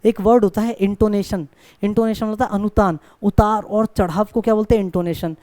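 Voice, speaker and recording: A male tutor with a fairly high but mellow, smooth voice, recorded dry and close. He reads textbook lines slowly, then breaks them down in a chatty, informal way. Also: steady tone, dry recording. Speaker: exam-prep tutor. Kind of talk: online exam-prep lecture.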